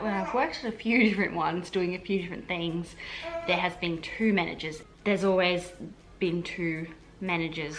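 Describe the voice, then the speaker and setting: An Australian woman with a lowish, somewhat bright voice chats to camera in a casual vlog, explaining things in a rambling manner with many fillers and restarts. She works as a hospital admin officer and also vlogs.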